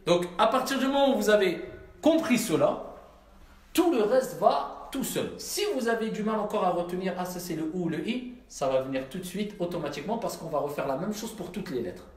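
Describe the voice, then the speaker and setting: A man's voice: high-pitched, animated, brisk. A man teaching a class, patient and repetitive, often checking that his students have understood. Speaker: Arabic teacher. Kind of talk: classroom lesson. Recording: echoey room.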